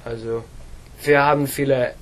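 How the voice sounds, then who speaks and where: A teenage boy from England, an English speaker practising German, answering slowly with many fillers and pauses. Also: medium pitch, fairly even intonation. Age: teens. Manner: halting, slow, many fillers. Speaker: student.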